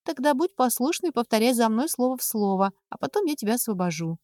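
A woman's voice: fairly high pitch, animated, quick pace, darkish tone, pitched above the performer's own voice, lightly acted. A woman voicing a scheming noble duchess who gives orders in a coaxing, imperious way.

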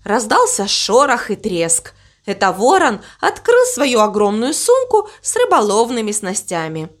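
Slow, lively woman reading a children's tale. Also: fairly high pitch. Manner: calm, gently expressive narration. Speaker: storyteller.

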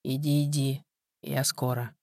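The narrator voicing a heavy older woman, a stern mother who speaks low, quiet and firm. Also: flat delivery, a little slow, creaky, no room sound, studio quality, full character voice. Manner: low hushed firm speech.

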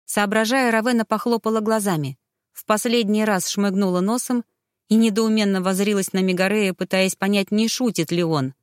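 A woman narrating a fantasy audiobook in an expressive, dramatic storytelling manner. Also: medium pitch, normal speed, no room sound, clean studio sound.

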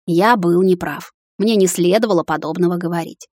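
A young hunter captain, a man who barks orders and then turns gently coaxing. A woman reads him aloud in an audiobook, with a lowish voice close to the mic in a dry, dead room. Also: moderate pace, dry recording, natural voice. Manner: scolding then softly coaxing. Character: stern young male captain and hunter, teasing fiancé.

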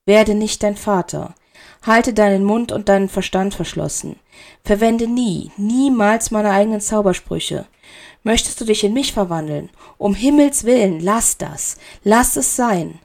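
A woman reading fan fiction aloud as an audiobook narrator, with a slow, measured, dramatic delivery. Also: medium pitch, darkish tone. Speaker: reader.

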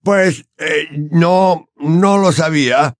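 A pompous old wizard professor from a storybook who has had too much wine. The voice sits high and squeaky and stretches every word out slowly. It is slurred and hiccupy, and the recording is close and dry. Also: male voice, no room sound. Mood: shaken. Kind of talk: audiobook character voice.

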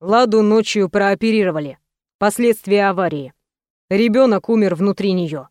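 A woman voicing a gentle, tender young man in an audiobook, speaking softly. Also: mid-range voice, normal speed, no echo, studio quality, close to an everyday voice. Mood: somber. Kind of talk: audiobook reading.

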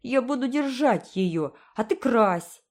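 An angry young boy from a storybook, hot-tempered and loud, hurling threats, as a woman reads him. His voice is pushed, raised and forceful. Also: lowish voice, animated, unhurried. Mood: gloating. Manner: shouting threats.

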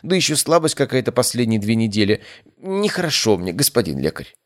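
A man's voice: mid-range voice, sing-song, brisk, pitched above the performer's own voice, close to an everyday voice. A man voicing a fretful, self-absorbed middle-aged woman patient who complains in a raised, whiny voice.

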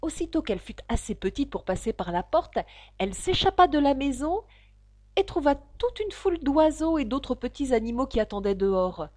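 Expressive woman reading a storybook aloud. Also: high voice, normal speed, no room sound. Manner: expressive reading, voices for each figure. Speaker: audiobook reader. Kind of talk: storybook narration.

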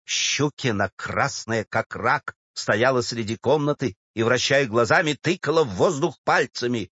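A man narrating a classic story as an audiobook, in an expressive, storytelling manner. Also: mid-range voice, unhurried, breathy edge, no echo, dull audio. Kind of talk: literary audiobook reading.

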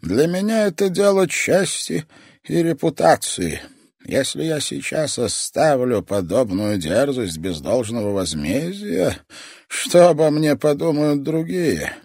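A man voicing a frail, sinister old toy master who talks slowly and grows weaker as he goes. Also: a little high, sing-song, a little mellow, slightly rough, dry recording, voice pushed up, full character voice. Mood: grave, menacing. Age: older.

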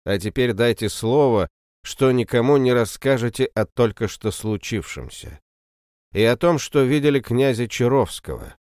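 A man reading the lines of a young empress in an audiobook, formal and measured. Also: mid-range voice, expressive, a little mellow, dry recording, clean studio sound, natural voice. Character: young empress, composed and calculating.

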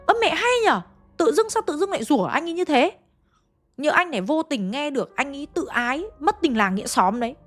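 A woman voicing a jumpy young village man, flustered and stammering, pitched well above her own voice. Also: animated, fast talker, hardly any pauses, a bit bright, faint music behind. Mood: protesting.

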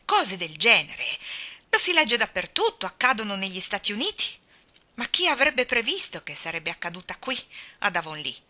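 A woman's voice: medium pitch, sing-song, normal speed, pushed and bright. A woman playing a nosy, scandalized village gossip. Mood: indignant. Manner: emphatic and scandalized.

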